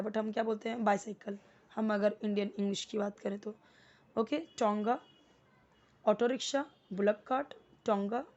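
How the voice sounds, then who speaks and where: A woman teaching English to beginners, patiently repeating each word slowly and breaking it into parts. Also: fairly high pitch, a little mellow, lo-fi sound. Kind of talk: spoken English lesson for beginners.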